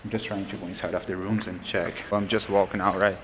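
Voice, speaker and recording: Moving between the outdoors and an empty concrete building, a young man narrates a casual travel vlog into a camera at arm's length. He talks fast in a low voice, relaxed and offhand, with loose non-native phrasing, over background noise.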